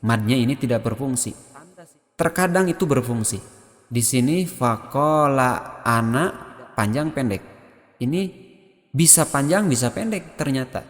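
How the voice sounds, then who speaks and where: A man's voice: medium pitch, lively intonation, measured pace, pauses often, long reverb tail. An Indonesian-accented man teaching Quran recitation rules, explaining step by step and chanting verses as examples. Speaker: tajwid teacher.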